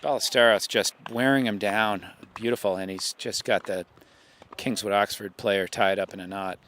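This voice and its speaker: A man's voice: fairly low pitch, fairly even intonation, moderate pace, a bit bright. A man, a coach, giving casual play-by-play commentary on a school tennis match outdoors, chatty and full of praise for the shots. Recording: faint outdoor background noise.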